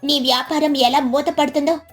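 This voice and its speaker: A woman's voice: high-pitched, steady tone, moderate pace, soft background music, voice pushed up, natural voice. A woman voicing a protective mother sparrow in a cartoon story, speaking firmly and with indignation. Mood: fierce. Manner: firm, indignant.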